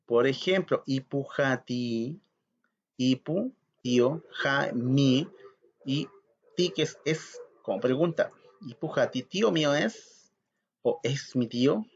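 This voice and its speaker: A man teaching a recorded language lesson, slow and patient, repeating words for learners to practise. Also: medium pitch, lively intonation, breathy edge, dull audio.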